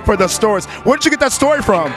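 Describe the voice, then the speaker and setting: An enthusiastic man hosts red carpet interviews, his voice sitting very high. He speaks into a handheld mic at a film festival. Music plays clearly behind him. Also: lively intonation, fast. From San Diego.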